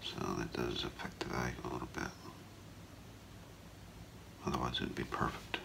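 A middle-aged man performs an ASMR scene as a gemologist, quietly walking a client through an appraisal. His low, breathy whisper carries a gravelly creak, and his gentle explanations come slowly and haltingly with a completely flat delivery. The setting is a small indoor room with a curtain behind him, and the background is noisy.

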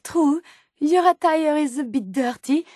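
In this video game dialogue, a French-accented female robot scientist with a high voice sounds earnest, sensitive, formal and hopeful, speaking politely and curiously in precise phrasing. She's animated and unhurried, with a darkish tone. The recording is close and dry, without room sound or echo.

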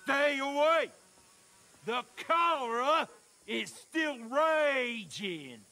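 High-pitched, bellowing town crier. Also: male voice, lively intonation, heavily acted. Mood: urgent pleading. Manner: town crier's loud, drawn-out calling out. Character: alarmed Old West town crier, middle-aged man, urgent. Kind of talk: town crier shouting public warnings, video game acting.

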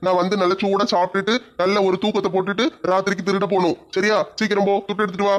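A woman's voice: medium pitch, flat delivery, rapid-fire, pitched below the performer's own voice, lightly acted. A woman playing a drunk, boastful male thief who bullies his wife in a comedy skit. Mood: bossy. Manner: bullying, slurring threats.

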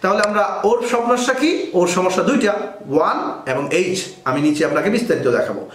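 High-voiced man teaching grammar. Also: big pitch swings, quick pace, fairly bright tone, echoey room. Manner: explains step by step, asks and answers his own questions. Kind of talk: explaining grammar lesson.

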